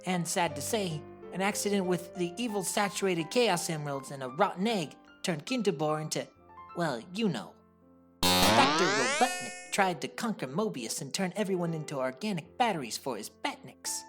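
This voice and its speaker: A woman's voice: lowish voice, expressive, normal speed, over music, natural voice. A woman playing a cocky young male hedgehog hero, narrating a comic dub with casual, wry asides.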